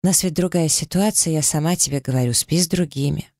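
Male narrator doing a scared young woman, pitched up and gravelly, dry audiobook read. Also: fast talker, a little mellow, dry recording, natural voice. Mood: flustered. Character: frightened young woman, anxious and defensive.

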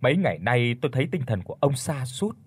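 A man voicing a sharp-tongued middle-aged wife who scolds her husband with rapid demands. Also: medium pitch, big pitch swings, slightly rough, no echo. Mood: scolding.

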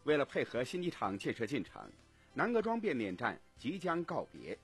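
A man presenting local radio news in a scripted, animated newsreader delivery. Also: medium pitch, normal speed, creaky, slightly rough, soft background music.

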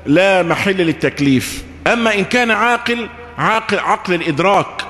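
A male preacher delivers a Friday sermon in a high-pitched voice. He explains patiently, repeats his phrases and poses questions to the congregation. The sound rings with long reverb from a large hall. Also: lively intonation, fairly quick, pushed and bright.

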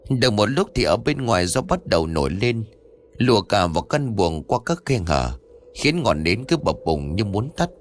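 A man's voice: medium pitch, slight background noise. A man narrating a scripted horror story and voicing its characters himself. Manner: lively, voices the characters' dialogue himself.

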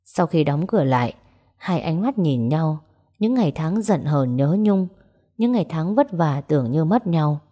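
A woman narrating a romance story aloud and voicing its characters in a gentle, even way. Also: low-pitched, normal speed. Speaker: audiobook narrator. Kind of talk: storytelling narration with dialogue voices.

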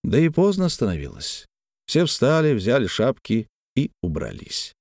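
Мужчина читает классическую прозу в аудиокниге, выразительно и размеренно. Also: male voice, mid-range voice, no echo, studio quality. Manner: expressive, measured reading. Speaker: audiobook narrator. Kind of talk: scripted literary narration.

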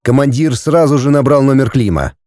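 Dark, dry male audiobook narrator. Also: mid-range voice, expressive, brisk, no echo. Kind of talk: first-person audiobook narration.

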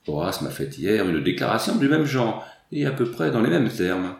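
A man's voice: on the low side, big pitch swings, moderate pace, creaky, roomy sound. Césarine, a man reading a proud young noblewoman. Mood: firm, composed. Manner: firm, composed, formal. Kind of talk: audiobook reading.

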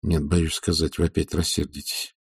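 A man reading an audiobook and voicing a shy, pleading gentleman in a soft, low voice. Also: little pitch movement, normal speed, gravelly, breathy edge, no room sound, studio quality, heavily acted. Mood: timid.

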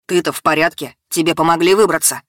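Woman playing angry teen boy, harsh, accusing, lowered voice, storybook reading. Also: fast talker, fairly bright tone, no echo, studio quality. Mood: confused. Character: angry teenage boy, bewildered then furious.

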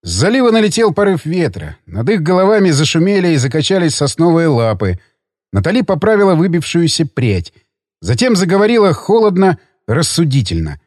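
A man narrating an audiobook thriller in a dramatic, expressive storytelling manner. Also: on the high side, brisk, no room sound, studio quality. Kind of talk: scripted narration.

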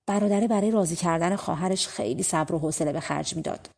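A woman reading an audiobook of folk tales, narrating in a relaxed, conversational storytelling way. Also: fairly low pitch, gravelly, breathy edge. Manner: conversational, spoken-style telling. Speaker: audiobook reader.

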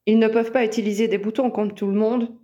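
Brief: grumbling young male wizard, sulky and wary, mellow tone, read by a woman narrator. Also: on the high side, normal speed, vocal fry, dull audio. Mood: reluctant. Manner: sulky, reluctant.

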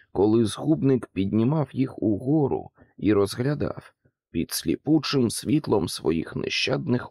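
A male audiobook narrator reading a children's fantasy in an expressive, dramatic way. His pitch moves in a lively arc across each phrase, and the recording is close and dry. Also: creaky, no echo. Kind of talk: scripted narration.

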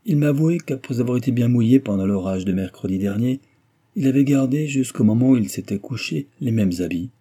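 A man's voice: medium pitch, animated, fairly quick, warm tone, voice pushed up, lightly acted. A man doing a witty, teasing old doctor. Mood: informing. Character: witty older male doctor, teasing and dry.

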